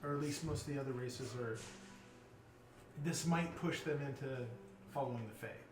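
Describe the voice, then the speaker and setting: A man's voice: medium pitch, moderate pace, far from the mic, noisy background. A man in casual group chat during a worldbuilding game, thinking aloud with many ums and restarts. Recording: echoey room, off-mic, with music.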